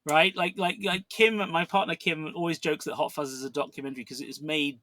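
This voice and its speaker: Bright-voiced man rambling about films. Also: a little high, steady tone, a little fast, no echo. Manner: rambling, many restarts and fillers. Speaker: podcast co-host. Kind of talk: casual film discussion.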